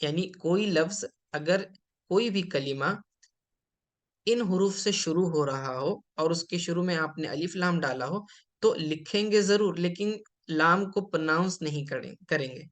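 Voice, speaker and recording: Guy teaching arabic grammar in urdu, hyderabadi accent, patient, keeps asking "ok?", drops english words in. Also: fairly high pitch. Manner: patient, repeats terms, often checks "ٹھیک ہے؟"; mixes English terms into Urdu explanations. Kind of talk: grammar lesson explaining slides.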